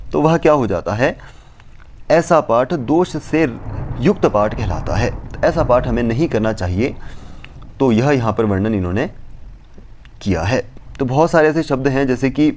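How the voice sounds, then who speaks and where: A man at an ordinary pitch gives a lesson as a teacher. He recites verse lines slowly and deliberately, then explains each point in a patient, step-by-step way. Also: a little mellow. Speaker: Sanskrit teacher. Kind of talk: explanatory lecture.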